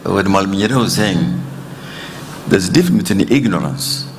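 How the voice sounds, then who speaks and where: A man in his sixties who grew up in Tanzania gives panel remarks in a very deep voice. He speaks in a measured way and chuckles between points. Faint ambient noise sits behind him. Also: expressive. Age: 60s. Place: conference hall.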